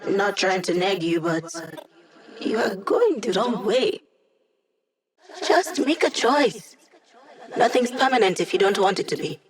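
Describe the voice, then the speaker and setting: A woman acts out a young female hacker guiding her squad through a video game. Her medium-pitched voice is self-assured and a little cocky. She delivers technical updates briskly, with casual, wry playfulness. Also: expressive, lightly acted. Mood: nudging. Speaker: mission support operator in a video game. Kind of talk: scripted video game voice acting.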